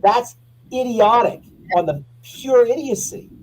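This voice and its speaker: A man's voice: very high-pitched, animated, a little slow, a little mellow, a little hiss or hum, low-quality recording. A man speaking as a pharmacist guest in casual show chat, blunt and opinionated, joking around.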